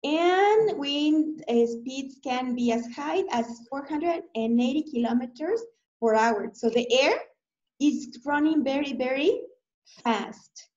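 A woman teacher with a Mexican accent and a high voice leads an online reading lesson at an unhurried pace. She keeps her phrasing simple and checks in with questions. The sound is dull and echoes around the room. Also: lively intonation, a little mellow. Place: indoor room, on a video call. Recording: muffled, echoey online class audio.

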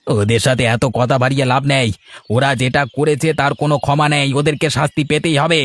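A man's voice: mid-range voice, flat delivery, fast talker, fairly bright tone, close to an everyday voice. A man voicing a hot-headed, loyal village fellow in a cartoon, speaking in an emphatic, dramatic way. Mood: angry. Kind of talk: Bengali cartoon voice acting.

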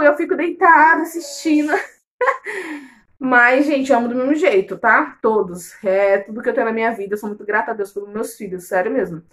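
A young woman in late pregnancy chats to her viewers in a casual home vlog. Her voice sits high and she talks in a warm, affectionate way, calling everyone her loves. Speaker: vlogger. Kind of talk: casual chat.

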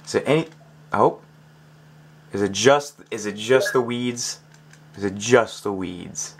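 A gaming channel host does let's play commentary over his own gameplay, frustrated, swearing often and talking to himself as he works through puzzles. His voice is fairly low, gravelly and unhurried, with slight background noise.

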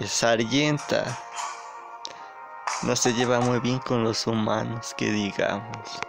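Slow, gravelly man gaming. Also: mid-range voice, steady tone. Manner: playful, boastful, reads game dialogue aloud. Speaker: gamer. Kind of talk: casual gameplay commentary. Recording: game music under the voice. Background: game music.

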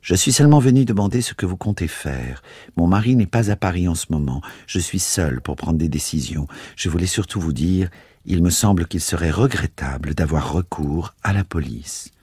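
A man's voice: deep voice, animated, moderate pace, warm tone, slightly rough, dry recording, clean studio sound. A man reading aloud, voicing a dignified, proud mother who speaks firmly and with restraint. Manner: firm, restrained. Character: dignified, proud middle-aged woman, mother.

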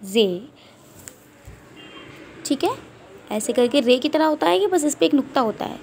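A woman teaches a nursery class online, slowly drilling letters one at a time for small children while mixing English with Hindi-Urdu. Her voice sits high and sounds animated, creaky and a little mellow. A faint hiss or hum is audible.

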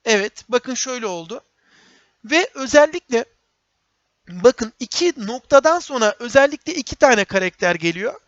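A male instructor explains a software task one step at a time, often saying a phrase twice as he works. His voice is recorded dry, with no room sound. The audio is muffled and lo-fi, like a basic home setup. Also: very high voice, big pitch swings, normal speed, no echo. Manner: step-by-step, repeats phrases, addresses viewers as friends. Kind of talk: screen-recorded software tutorial.

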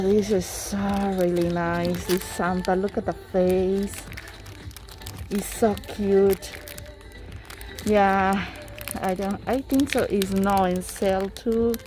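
A woman records a casual shopping vlog on her phone in a busy craft store aisle. She talks slowly in a mellow voice, gushing over items in English. Faint music plays behind her. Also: medium pitch. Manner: chatty, non-native English, frequent delighted exclamations. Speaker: craft vlogger. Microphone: handheld phone camera.

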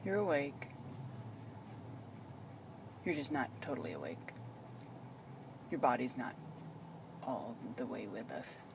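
A woman caregiver, filming a patient from inside a parked car, keeps the chat casual and reassuring with simple explanations. She has a very deep, sing-song voice and takes it slowly, leaving long pauses, while the car recording is clearly noisy.

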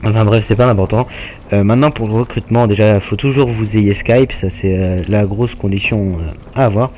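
A man casually commenting on his own gameplay, hesitant with many filler pauses and a laid-back, jokey manner. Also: lowish voice, fairly even intonation, dark tone. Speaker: gaming channel host. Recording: game gunfire noise underneath. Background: video game gunfire.

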